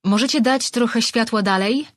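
A man's voice: high-pitched, animated, a little slow, husky, no room sound, clean studio sound, exaggerated voice. A man voicing a young woman explorer, a cautious thinker in a cave story, speaking earnestly and calling out urgently.

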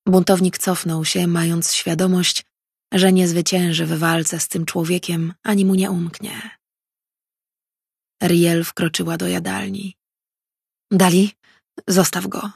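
A woman reading a fantasy audiobook in steady scripted narration. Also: lowish voice, vocal fry, breathy edge, dry recording, studio quality.

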